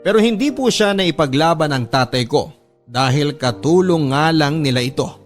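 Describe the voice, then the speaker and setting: A man's voice: a little high, animated, moderate pace, faint music behind. A man in scripted narration, recounting a family story in an earnest, polite, confessional tone.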